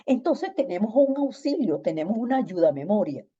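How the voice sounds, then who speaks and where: A woman teaching a church discipleship Bible lesson, telling stories and acting out text-message exchanges in lively voices. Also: mid-range voice, brisk, husky, lo-fi sound.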